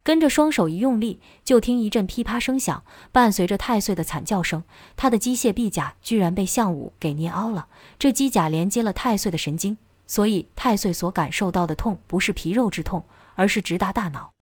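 A woman with a mid-pitched voice narrates an action novel as an audiobook, steady and dramatic. Her voice is dry and close, with no room sound. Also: a little fast, few pauses, dry recording.

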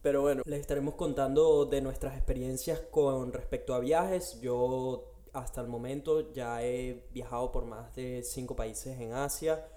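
A man's voice: medium pitch, steady tone, unhurried, few pauses, dark tone. A Latin American man, co-hosting a casual podcast and laying out its topics. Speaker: podcast co-host. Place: Australia.

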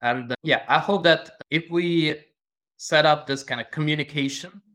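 A man being interviewed as a guest, speaking hesitantly and pausing to find his words. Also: fairly high pitch, pushed and bright. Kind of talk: interview conversation.

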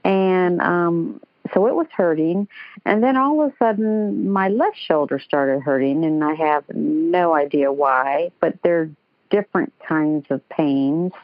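Woman calling into a radio show, very low voice through a thin phone line, chatty and hesitant. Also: a little slow, no room sound. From United States. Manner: chatty, hesitant, laughs lightly. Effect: phoned-in caller on a radio show. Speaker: caller.

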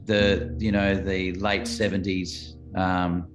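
A man's voice: low-pitched, little pitch movement, takes it slowly, music in the background. An Australian musician in his late thirties, talking reflectively in a rambling interview with many restarts. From Adelaide, South Australia. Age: late 30s. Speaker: musician guest. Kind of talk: casual interview chat.

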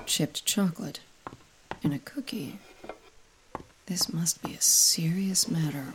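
A woman's voice: lowish voice, slow pace, in a whisper. A woman playing a haughty, self-important botanist in a comedic audio drama, making proud declarations.

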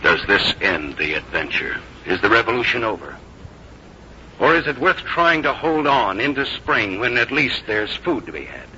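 An actor playing a weary, grave army general with solemn, measured oratory in a radio drama. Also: male voice, mid-range voice, big pitch swings, sharp tone, slight background noise. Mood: grave, urgent. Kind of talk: 1950s radio drama acting. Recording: dull 1950s radio recording, music behind.

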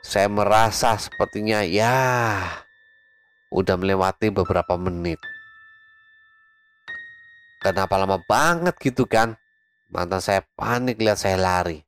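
A man's voice: on the low side, a little slow, long pauses, soft background music. A man narrating a ghost story casually, talking straight to his listeners. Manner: chatty, addresses listeners directly. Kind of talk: casual horror podcast storytelling.

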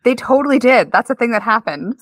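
A woman co-hosting a podcast in casual chat, bubbly and quick to laugh. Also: on the high side, expressive, dry recording. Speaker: podcast co-host. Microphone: remote call.

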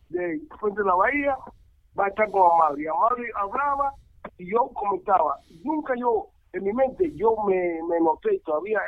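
An older man, once a ballplayer and now a baseball analyst, spins rambling, animated stories full of restarts. His voice sits high and swoops about with a gravelly edge. It comes through a thin, tinny phone line with no room around it. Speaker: baseball analyst, former player. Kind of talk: casual interview over the phone.

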